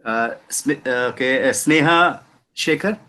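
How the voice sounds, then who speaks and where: A man teaching a class, briskly calling names and acknowledging each student over a video call. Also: medium pitch, pushed and bright, low-quality recording. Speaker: college instructor. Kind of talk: online class roll call.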